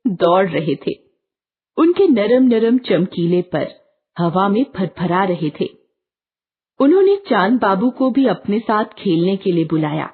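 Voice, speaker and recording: A woman reading a children's storybook aloud in a gentle, expressive way. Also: medium pitch, slightly rough. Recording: tinny phone-like audio.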